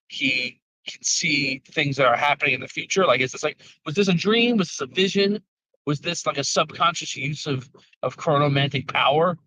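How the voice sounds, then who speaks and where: A man's voice: fairly high pitch, sharp tone, dry recording. A man taking part in a casual chat about a game over a car speakerphone while he drives. He thinks aloud and rambles. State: talking while driving. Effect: car speakerphone call. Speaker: tabletop game player. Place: in a moving car. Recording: dull lo-fi call audio, dropping in and out.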